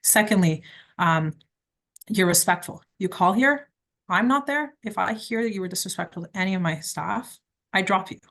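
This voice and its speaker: A middle-aged criminal defence lawyer from Quebec, Canada, gives direct, emphatic advice in conversational interview answers. Her mid-range voice is gravelly and a bit bright, and she speaks at a normal speed.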